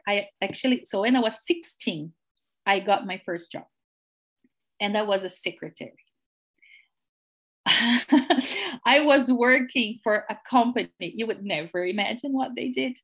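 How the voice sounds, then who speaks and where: A woman in her forties with a Brazilian Portuguese accent, telling her life story as a podcast guest in an earnest, measured way. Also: on the high side, animated, a bit bright. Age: 40s. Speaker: executive coach, podcast guest.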